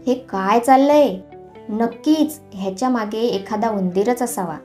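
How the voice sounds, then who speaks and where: A woman voicing an angry, blustering middle-aged male farmer in a storybook tale, shouting loudly and pitching her voice up. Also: unhurried, soft background music, close to an everyday voice.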